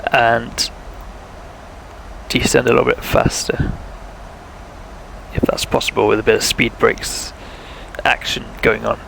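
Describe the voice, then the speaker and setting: A man's voice: medium pitch, creaky, fairly bright tone, a little hiss or hum, low-quality recording. A young man, chatting casually while streaming a flight sim, thinking aloud and talking to viewers, with a sore throat. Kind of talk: casual live-stream commentary.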